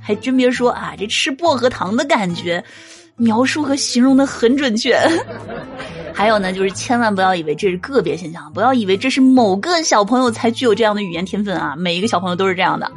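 A woman's voice: mid-range voice, expressive, a little fast. A woman in her thirties, a mother, telling humorous family anecdotes and often laughing between jokes, with faint music behind. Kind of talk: humorous storytelling monologue.

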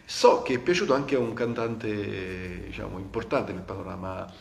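A man's voice: on the low side, normal speed. A man hosting an interview informally, in a hesitant, roundabout way. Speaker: interview host. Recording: echoey room, clear background noise.

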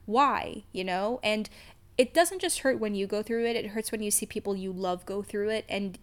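A woman's voice: mid-range voice, moderate pace, smooth. A woman co-hosts a casual literary discussion in a mid-range voice. She speaks emphatically and candidly, like someone who swears freely, in an informal podcast style. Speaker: podcast co-host.

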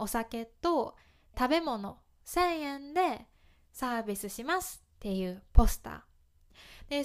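A woman teaching phrases in a casual podcast, speaking slowly and clearly with a light tinge and short English glosses. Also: high voice. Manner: slow, clear explanations mixing in English glosses. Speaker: Japanese language teacher.

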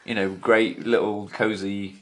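A man's voice: fairly low pitch, flat delivery, slight background noise. A man co-hosting a casual comedic podcast, joking and laughing often. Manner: jokey, laughs often, reads lyrics slowly. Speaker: podcast co-host.

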